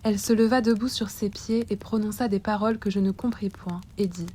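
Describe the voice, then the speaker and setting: A woman's voice: mid-range voice, fairly even intonation, brisk, dark tone, a little hiss or hum. Woman reading a classic tale aloud. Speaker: storyteller.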